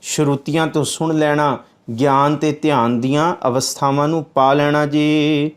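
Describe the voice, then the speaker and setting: Slow-reciting man expounding scripture. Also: fairly high pitch, level tone. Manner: recites verses slowly, then explains in plain speech. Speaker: scripture commentator. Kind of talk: religious scripture exposition.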